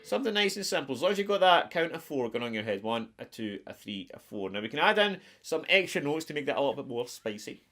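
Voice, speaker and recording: Talking casually to camera in a small attic music room at home, a middle-aged Scotsman with a broad accent teaches guitar as electric guitar plays in the background. His voice is on the high side and fairly bright, with lively intonation, a quick pace, and few pauses.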